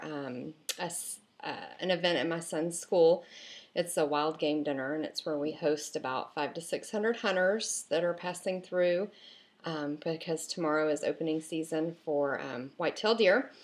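A woman's voice: fairly low pitch, fairly bright tone. A woman in her thirties giving practical tips in a casual vlog from her home kitchen, chatty and full of "um" and "you know", recorded on a webcam. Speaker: vlogger and mother. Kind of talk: casual talking-head vlog. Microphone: webcam at arm's length.

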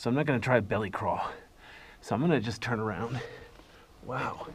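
A man quietly narrating as he explores a lava tube cave with a handheld camera, a little out of breath and muttering asides. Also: mid-range voice, moderate pace, a little hiss or hum. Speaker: cave explorer filming himself.

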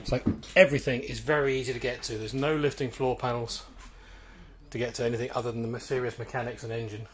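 A man giving a walkthrough tour of a boat for sale as its broker, listing features in brisk short phrases while he films aboard. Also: mid-range voice, little pitch movement, slight background noise. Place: aboard a small motor boat, cabin and cockpit.

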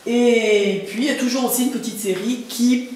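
Interviewed informally inside her hard-floored art gallery, this middle-aged artist and owner from French Guiana talks with long, word-searching pauses. Her pitch is a little high, with a steady, darkish tone. The room is very echoey, the mic is distant, and there is faint noise.

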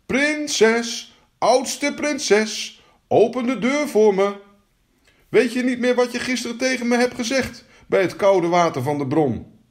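A man's voice: medium pitch, wildly swooping pitch, normal speed, a little mellow, a little hiss or hum. A man voicing a small, persistent male frog in a storybook fairy tale, who keeps pleading. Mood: squeaky pleading. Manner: insistent, repeats his calls.

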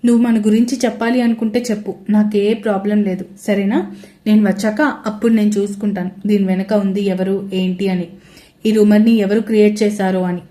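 A woman's voice: medium pitch, mellow, close to an everyday voice. A woman voicing a caring young husband who comforts his wife over the phone in an audio story. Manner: soothing, reassuring on the phone.

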